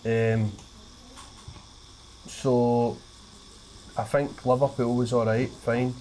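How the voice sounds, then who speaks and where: A man's voice: medium pitch, little pitch movement, very slow, warm tone, slight background noise, low-quality recording. A man with a thick, broad Glaswegian Scottish accent in casual podcast chat, speaking colloquially with an occasional slight stutter. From Glasgow, Scotland. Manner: colloquial, broad Scots wording, some swearing. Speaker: stand-up comedian, podcast guest.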